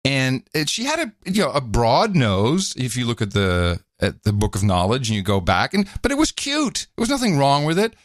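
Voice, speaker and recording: Animated, sarcastic male podcast host. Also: mid-range voice, moderate pace, hardly any pauses, no room sound, clean studio sound. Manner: animated, sarcastic, jumps into mock voices. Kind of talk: casual political commentary.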